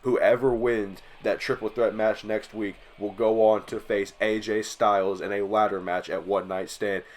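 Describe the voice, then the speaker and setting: Man, stuffy nose, lowish voice, wrestling game commentary, hype play-by-play calls. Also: level tone, normal speed. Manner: hype play-by-play caller, rising loud on big moves. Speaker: channel host.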